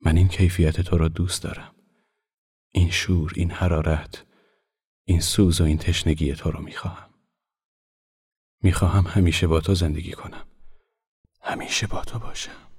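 A man doing a devoted young woman from a spoken storybook, earnest and pleading in a half-whisper. The voice stays very deep, husky and flat. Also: long pauses, full character voice. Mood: adoring.

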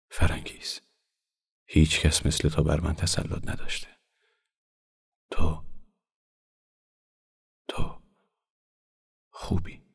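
A man's voice: very deep voice, mellow, breathy edge, exaggerated voice. A man voicing a shy, ardent painter murmuring.

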